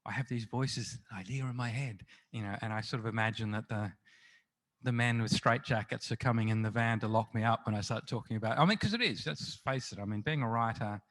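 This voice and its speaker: A man's voice: on the low side, fairly quick, fairly bright tone. A middle-aged man, a crime novelist being interviewed, telling anecdotes in a chatty, self-deprecating way full of restarts and fillers. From Australia. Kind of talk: festival interview, anecdotal storytelling.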